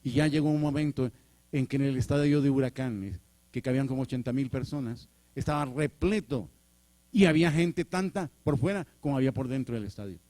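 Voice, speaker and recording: Guy preaching a sermon, mellow low tone, lively storytelling, dry mic. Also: a little fast, no room sound. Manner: animated, acts out dialogue, chuckles.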